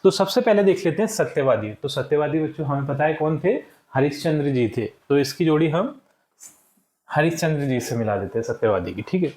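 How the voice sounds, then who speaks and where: A male teacher walking young pupils through textbook answers, saying each word slowly for them to repeat and often checking in with "ठीक है". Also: a little high, expressive, darkish tone, reverberant. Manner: slow and deliberate, checks in with frequent "ठीक है". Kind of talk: classroom lesson walkthrough.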